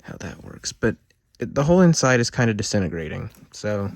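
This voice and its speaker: A man with a lowish voice, big pitch swings and a brisk pace gives a casual, unscripted product review at a desk indoors, talking in a rambling, hesitant way. The homemade video has clear background noise.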